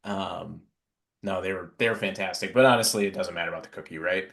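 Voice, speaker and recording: A very deep, gravelly-voiced man who is a podcast guest and a father. He reminisces in a relaxed way, with frequent ums. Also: fast talker. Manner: relaxed storytelling, many ums. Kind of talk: casual panel chat.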